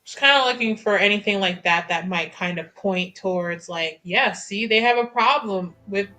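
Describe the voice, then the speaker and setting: A woman with a bright, forceful, medium-pitched voice plays a tabletop roleplaying game, informally thinking aloud as she describes her character's actions at a moderate pace. Music runs in the background of this casual improvised chat.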